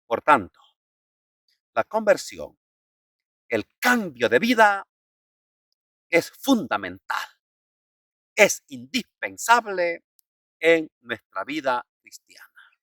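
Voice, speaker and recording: A male priest, giving a sermon slowly and emphatically, rising and falling in pitch and volume. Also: wildly swooping pitch, dry recording, recorded from a distance. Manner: slow, emphatic preaching with wide swings in pitch and loudness.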